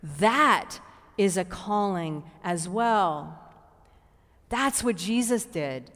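A woman priest giving a sermon in an unhurried way, often repeating a word as she restarts. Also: medium pitch, expressive, fairly bright tone. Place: church. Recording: church with long reverb.

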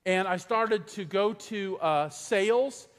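Man, middle-aged pastor, high voice, conversational sermon, questions to the congregation, long hall reverb. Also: slow. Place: large church hall.

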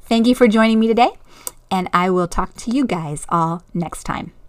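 A woman's voice: mid-range voice, normal speed. Earnest woman hosting a faith podcast. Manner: earnest, storytelling, laughs at herself. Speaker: podcast host.

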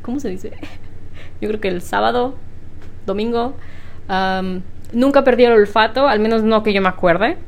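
A young woman chatting casually at home, laughing often and clearing her slightly hoarse throat. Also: on the high side, moderate pace, long pauses. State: slightly hoarse after illness. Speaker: vlogger. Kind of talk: casual chat to camera. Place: home room. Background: washing machine.

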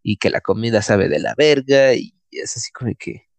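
A man's voice: fairly low pitch, normal speed, gravelly, no room sound. A young man with a Mexican accent telling a story in casual chat, full of slang and fillers. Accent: Mexican Spanish. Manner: slangy, loose, filler-heavy.

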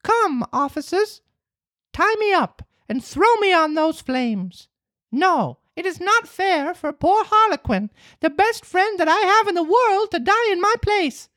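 A small wooden puppet boy with a high, piercing voice far above the reader's own. The boy is brave and pitiful, a storybook hero. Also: expressive, measured pace, pushed and bright, dry recording, clean studio sound, heavily acted. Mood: defiant.

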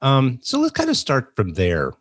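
A man's voice: medium pitch, huge pitch swings, normal speed, a bit bright, no room sound, clean studio sound. A man hosting an academic podcast, reading the introduction and leading the interview. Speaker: podcast host.

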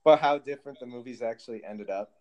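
A man's voice: mid-range voice, quick pace, darkish tone, highs cut off. A man co-hosting a podcast in casual chat, rambling through topics with many fillers. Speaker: podcast co-host.

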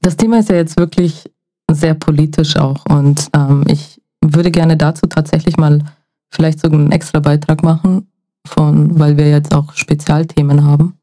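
A podcast host asks the guest questions in a flat, even tone. The voice is mellow and mid-pitched. The delivery is measured, with the occasional filler. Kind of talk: casual interview questions.

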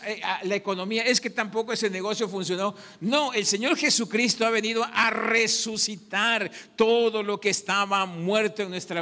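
A man's voice: high voice, bright, forceful tone. A man preaching a sermon, asking his congregation questions and answering them himself. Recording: long hall reverb.

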